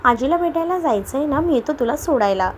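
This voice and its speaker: A woman voicing a devoted young husband in a read-aloud audio story, speaking softly with pleading, soothing tones. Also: very high-pitched, animated, fairly quick, slight background noise, pitched above the performer's own voice. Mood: tender. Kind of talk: Marathi audio story reading.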